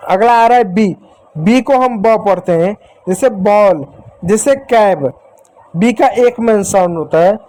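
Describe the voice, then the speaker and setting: A male teacher patiently explaining a lesson to children, repeating reminders and slowing down to sound out example words. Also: high-pitched, warm tone, rough recording. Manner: slows down to spell out example words.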